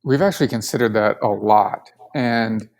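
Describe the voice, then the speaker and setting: On a casual podcast, a Colorado man who co-founded the company responds to questions enthusiastically and casually, filling his answers with filler words. He speaks at a normal speed in a lowish voice.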